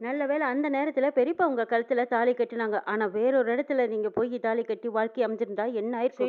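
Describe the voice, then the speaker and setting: A woman quickly retelling a TV serial episode, voicing each character's lines in her own storytelling voice. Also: fairly high pitch. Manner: quick storytelling with reported speech. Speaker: serial recap narrator. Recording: phone-like narrow sound.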